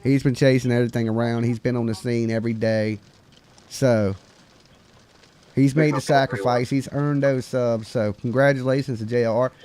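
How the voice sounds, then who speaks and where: A man's voice: medium pitch, fairly even intonation, normal speed, darkish tone. A man with a Southern US hillbilly accent, chatting casually and rambling as the host of a live call-in stream.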